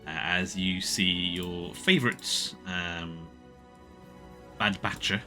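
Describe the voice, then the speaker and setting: A man running a tabletop game as game master, chatty and halting, laughing often. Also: sits low, fairly even intonation, bright, forceful tone, faint music behind.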